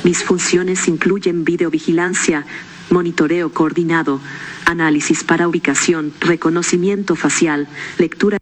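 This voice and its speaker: A woman's voice: on the low side, moderate pace. A text-to-speech voice of a female security robot, stiff and announcer-like, played back from a clip. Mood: robotic. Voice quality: flat, stiff announcer-like delivery. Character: security robot woman with a synthetic voice.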